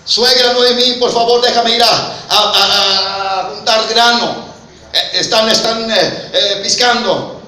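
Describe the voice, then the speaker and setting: Man playing devoted young widow, earnest and bright-toned, heavy church reverb. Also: high-pitched, slow, pitched above the performer's own voice, heavily acted. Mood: pleading. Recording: echoey church hall.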